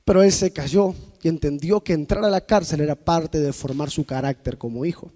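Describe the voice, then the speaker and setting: A man preaching a sermon, telling personal stories to the congregation and swinging between loud outbursts and quiet asides. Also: a little high, brisk. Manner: personal storytelling addressed to the congregation.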